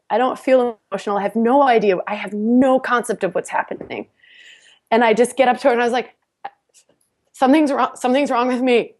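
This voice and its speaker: Animated woman telling a story, laughing. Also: fairly high pitch. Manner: animated, laughing often, many restarts. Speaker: podcast guest. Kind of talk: casual storytelling chat.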